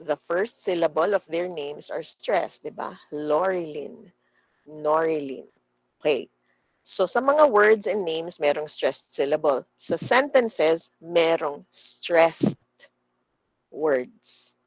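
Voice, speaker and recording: A woman with a Filipino accent teaching a speaking lesson, slowly modeling pronunciation for her class to repeat. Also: deep voice, lively intonation, creaky, no echo, low-quality recording. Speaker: corporate trainer.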